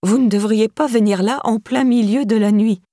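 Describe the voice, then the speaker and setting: A woman's voice: moderate pace, mellow, breathy edge, no room sound, clean studio sound, close to an everyday voice. A woman reading an audiobook, voicing an anxious, insistent woman with a raised, urgent voice. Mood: reproachful. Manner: urgent, pleading, higher-pitched.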